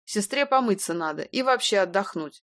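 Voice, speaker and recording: A woman doing a gruff, snappish young man. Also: mid-range voice, lively intonation, moderate pace, a bit bright, dry recording, clean studio sound, close to an everyday voice. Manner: curt, barking, raising his voice. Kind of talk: audiobook character voice.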